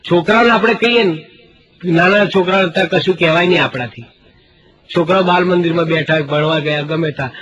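High-voiced comedian on muffled radio. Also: male voice, fairly quick, fairly bright tone. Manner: jokey anecdotal delivery, acting out dialogue, reciting couplets. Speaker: stand-up comedian. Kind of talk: Gujarati stand-up comedy storytelling.

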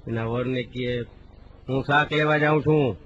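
A man telling comic stories on stage, acting out the dialogue in quoted voices and slowing down to recite verse. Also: medium pitch, fairly even intonation, fairly bright tone. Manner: recites verse slowly with drawn-out emphasis. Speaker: stand-up comedian. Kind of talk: live comic storytelling in a regional dialect. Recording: dull lo-fi live recording with faint hiss.

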